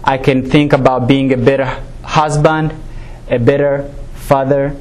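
Nervously telling his personal story, a student from Rwanda stumbles through many fillers and restarts. He speaks in a mid-range, level voice with a slightly mellow quality.

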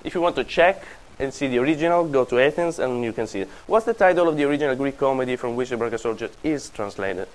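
A man's voice: mid-range voice, lively intonation, fast talker, poor audio. A man giving a university lecture, thinking aloud and correcting himself as he explains. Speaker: classics lecturer.

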